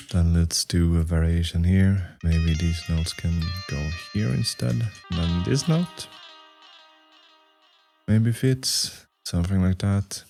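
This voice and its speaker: A man composing a metal song on his computer, talking through each step and humming out rhythms. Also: a little mellow. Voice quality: very deep, gravelly voice. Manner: thinking aloud, humming and scatting rhythms. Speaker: musician and YouTuber. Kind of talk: casual talk-through while composing.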